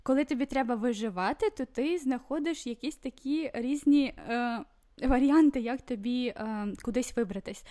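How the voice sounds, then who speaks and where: Chatty high-voiced woman. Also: normal speed, dark tone. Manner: chatty, full of fillers and restarts. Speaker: podcast guest living in Sweden. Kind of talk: casual chat.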